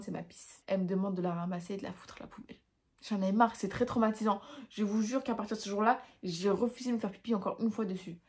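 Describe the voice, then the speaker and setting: Young woman, vlogger, chatty and expressive, slangy self-mocking storyteller. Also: mid-range voice. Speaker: vlogger telling personal stories. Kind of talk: casual storytelling to camera.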